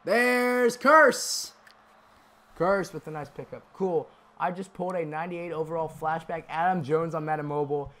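A man streaming a football video game, calling plays and chatting with viewers, bursting into shouted calls on big moments. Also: fairly high pitch, steady tone, fairly quick, few pauses. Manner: chats with viewers between plays. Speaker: gaming streamer. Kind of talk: play-by-play game commentary.

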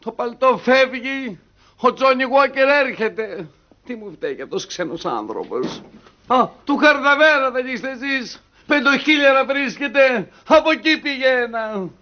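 An actor playing a nagging, thrifty widowed mother in her old age, scolding her son in a shrill rant. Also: expressive. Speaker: comic actor. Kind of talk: TV sketch comedy acting. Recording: dull TV broadcast sound.

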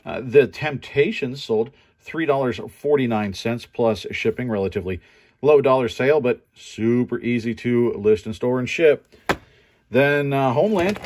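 With a darkish, mid-range voice, an online reseller chats informally about his sales as he shows them off. It's relaxed, conversational commentary.

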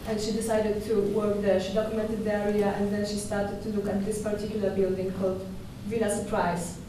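A young woman curator giving a conference talk at a podium microphone in a dark lecture hall, measured and thoughtful with small hesitations and restarts. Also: medium pitch, level tone, background noise. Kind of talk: conference presentation. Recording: echoey hall from far off.

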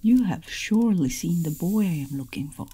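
A woman's voice: on the low side, lively intonation, normal speed, warm tone, breathy edge. A woman voicing a menacing male dragon man in a whispered role-play storybook reading. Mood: sly.

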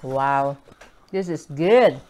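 Woman, eating vlog host, very slow delivery, animated pitch, excited chatty manner. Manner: excited, chatty, drawn-out exclamations while eating. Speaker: mukbang vlogger.

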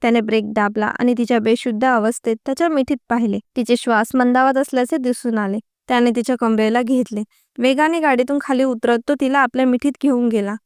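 A woman narrating a story in an even, unhurried reading voice. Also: on the high side, clean tone, dry recording, studio quality.

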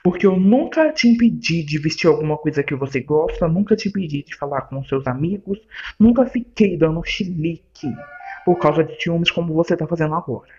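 A man in casual vlog banter, who talks bluntly and with a sharp tongue. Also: fairly high pitch, fairly quick, lo-fi sound. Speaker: vlogger, partner of the host.

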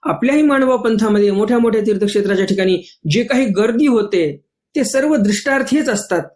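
A man with a notably high voice preaches a devotional sermon. He intones scripture lines slowly, stretching the words, then unpacks each one in plain conversational speech, often repeating phrases for emphasis. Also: darkish tone.

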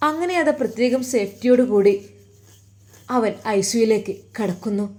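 A woman's voice: fairly high pitch, normal speed, a little mellow. A woman storyteller narrating a dramatic family story with emphatic delivery.

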